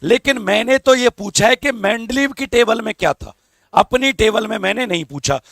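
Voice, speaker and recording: A male teacher with a high-pitched, creaky, slightly bright voice speaks at normal speed through a strained throat during a live exam-prep lesson. Recorded in clean studio quality with no room sound, he coaxes students for answers, calls them beta and babu, and asks for comments.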